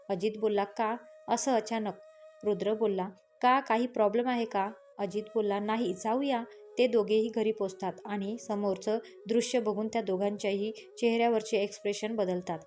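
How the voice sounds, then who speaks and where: A woman's voice: mid-range voice, warm tone. A woman narrating a family drama story, reading every character's lines in a near-normal voice. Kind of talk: scripted story narration, voicing all characters.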